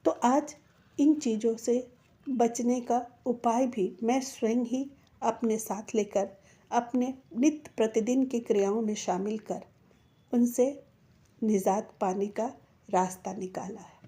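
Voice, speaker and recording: A middle-aged woman speaks slowly and deliberately, with a somewhat high yet mellow voice. She sounds measured and persuasive, talking straight to her viewers as friends on her own channel. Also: steady tone. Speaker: channel host. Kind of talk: slow earnest advice to viewers.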